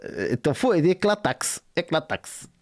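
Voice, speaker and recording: A man's voice: a little high, big pitch swings, measured pace. A man hosting a casual live stream, talking bluntly and mockingly with slang and swearing. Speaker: streamer host, rapper.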